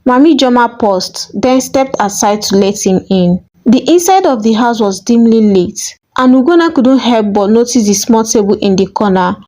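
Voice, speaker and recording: A woman telling a village folktale in an even, measured, scripted narration. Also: on the high side. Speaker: storyteller.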